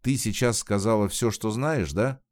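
A gentle, methodical young woman soothing a friend, as a man reads her lines in a storybook. The deep voice lifts a little for her. Dry, close sound. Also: moderate pace, no echo, lightly acted. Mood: reasoning. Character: calm, reasoning young woman.

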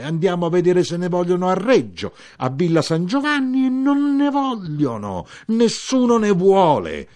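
A man's voice: low voice, no echo, studio quality, heavily acted. A man voicing a poor, desperate little Sicilian man who pleads and keeps repeating himself, in an audiobook reading. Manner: pleading, insistent repetition.

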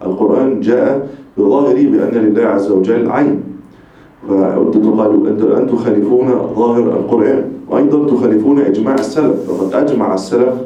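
A man's voice: on the low side, mellow. A man giving a religious lecture as a sheikh, explaining emphatically and restating his points. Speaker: sheikh teaching a religious text. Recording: echoey, distant, dull lecture recording.

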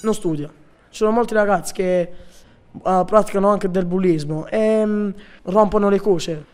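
A teenage boy with a high, clear voice is interviewed. He answers hesitantly, pausing often between his words. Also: darkish tone. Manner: hesitant, halting.

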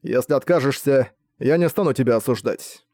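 A man voicing a calm, diplomatic male superhero leader. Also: medium pitch, no room sound, natural voice. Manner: measured, diplomatic.

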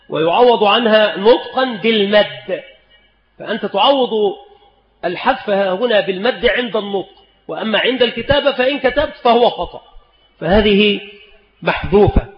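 A man with a rather high voice teaches a lesson and draws out each example word slowly and deliberately. His voice carries a long echo in a large hall. The recording sounds dull and lo-fi. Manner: slow, deliberate, spells out examples. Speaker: Islamic scholar teaching spelling rules.

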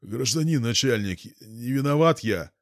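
A man's voice: mid-range voice, expressive, moderate pace, no echo, clean studio sound, close to an everyday voice. A man voicing a frightened, drunk old village morgue watchman who stammers and whines. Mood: whining. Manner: stammering, wheedling, self-pitying.

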